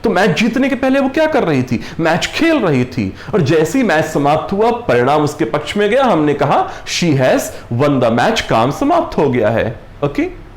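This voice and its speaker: A man giving a grammar lesson, repeating his points, calling viewers friends and reading English example sentences slowly. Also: a little high, big pitch swings. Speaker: English teacher. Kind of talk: classroom-style grammar lesson. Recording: echoey room.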